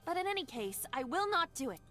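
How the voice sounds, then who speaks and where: A woman voicing a formal, deadpan female AI partner in a video game. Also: extremely high pitch, fast talker, full character voice. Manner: precise, formal, dry. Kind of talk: game voice acting.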